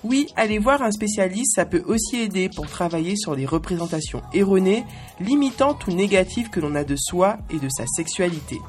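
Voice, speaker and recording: A woman's voice: medium pitch, lively intonation, moderate pace, darkish tone, soft background music. A woman in her twenties hosting a podcast, with a playful, cheeky scripted monologue spoken straight to the listener. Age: 20s. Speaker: podcast host.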